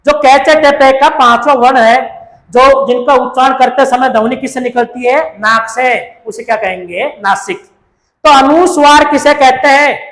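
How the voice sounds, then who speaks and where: High-pitched woman teacher, quizzes then answers herself, echoey room. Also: moderate pace, a bit bright. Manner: asks questions and answers them herself, repeating key terms. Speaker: grammar teacher. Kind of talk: classroom grammar lecture.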